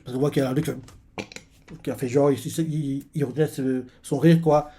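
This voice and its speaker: A man's voice: medium pitch, fairly even intonation, normal speed, warm tone, slightly rough. A man, a reaction youtuber, narrating a manga chapter aloud in a casual way with many fillers.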